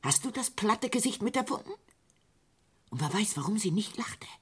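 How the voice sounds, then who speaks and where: An actress playing a sharp, sceptical sister in a surreal radio play, reproachful and insistent, with a husky voice. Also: female voice, mid-range voice, sing-song, moderate pace, heavily acted.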